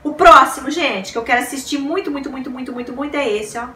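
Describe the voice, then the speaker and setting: A book vlogger chats casually to camera from a small decorated room, her high, bright voice gushing quickly as she exclaims and repeats words. The recording is roomy and a bit distant, with faint hiss.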